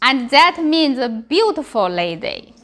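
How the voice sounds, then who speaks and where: Female language teacher, Chinese accent, high-pitched and unhurried, short simple phrases, classroom delivery. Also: very animated, pushed and bright. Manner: simple choppy English with frequent check-ins like "okay" and "yeah". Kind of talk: classroom Chinese lesson with repeated example words.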